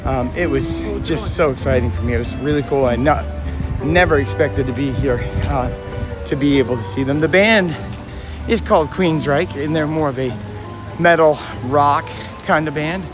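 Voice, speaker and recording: A man with a raspy, hoarse voice chatting casually as he hosts a walking livestream outdoors. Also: on the high side, normal speed. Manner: chatty, addressing viewers and passersby. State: hoarse from yelling at a concert. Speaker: live stream host. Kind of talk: casual walk-and-talk livestream. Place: outdoors in a busy theme park. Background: music, outdoor park and vehicle sounds.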